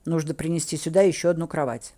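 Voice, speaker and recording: A woman doing a soft-spoken tender suitor. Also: fairly high pitch, fairly even intonation, quick pace, natural voice. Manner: soft, caring. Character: tender blond male suitor, soothing.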